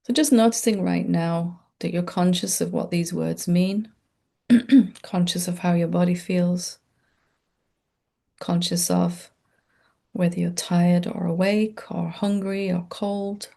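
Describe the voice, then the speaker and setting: Here a meditation teacher, a woman, improvises a gentle guided session in a calm, casual, comforting way. Her fairly low, creaky voice stays fairly even in intonation, moving slowly with long pauses.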